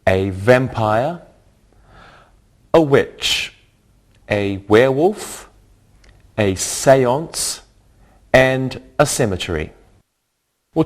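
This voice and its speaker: A man teaching a scripted English lesson, speaking deliberately and repeating each word for learners. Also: on the low side.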